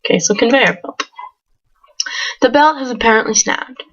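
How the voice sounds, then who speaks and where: A woman's voice: a little high, moderate pace, fairly bright tone, slightly rough, lo-fi sound. A woman playing a game and reading its text aloud, adding casual comments and often breaking into giggles. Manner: giggly, breaks into laughs between read lines. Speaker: let's play gamer.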